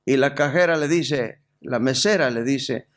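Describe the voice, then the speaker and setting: A man's voice: medium pitch, unhurried. A male pastor from Mexico, preaching a sermon, telling humorous stories and then reading scripture aloud. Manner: storytelling with lively jokes and scripture reading.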